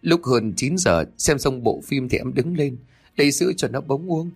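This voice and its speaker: A man's voice: medium pitch, animated, normal speed, breathy edge. A man voicing a young wife and mother in an audio story, talking in a choked, stammering way. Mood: tearful. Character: young mother, frightened and sobbing.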